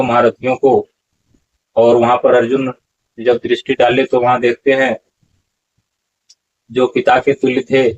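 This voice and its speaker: Man teaching verse pronunciation, lo-fi. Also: medium pitch. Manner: slow deliberate syllable-by-syllable chanting of examples; repetitive, corrective teaching. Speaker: Gita recitation teacher. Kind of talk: explanatory lesson on verse pronunciation.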